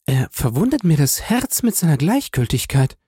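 A man's voice: medium pitch, expressive, normal speed, dark tone, breathy edge, no echo, studio quality, voice pushed up. A man reading an audiobook, voicing a distraught young woman who pleads and exclaims. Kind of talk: audiobook character voice.

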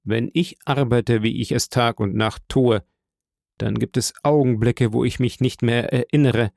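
A man's voice: medium pitch, fairly even intonation, unhurried, creaky, darkish tone, no echo. A man playing a stern state prosecutor who argues with dry firmness and feverish rhetoric. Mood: firm. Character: stern, bitter male state prosecutor, fervent.

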